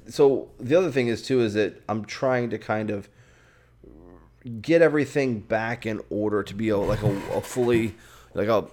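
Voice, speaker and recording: A tired young man talking frankly and rambling on his own podcast, swearing and restarting his sentences often. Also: mid-range voice. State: tired, yawning. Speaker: podcast host. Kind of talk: casual solo podcast monologue.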